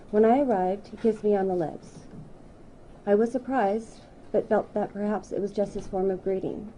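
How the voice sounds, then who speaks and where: A woman in her thirties reading a prepared statement at a news conference, in a measured, deliberate way. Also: medium pitch, mellow, a little hiss or hum, poor audio.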